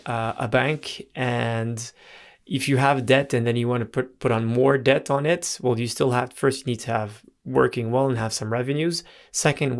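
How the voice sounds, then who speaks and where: Gravelly-voiced man explaining markets. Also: medium pitch. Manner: loose, restarting, asks "right?" to check in. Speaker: host. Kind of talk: explaining market analysis over charts.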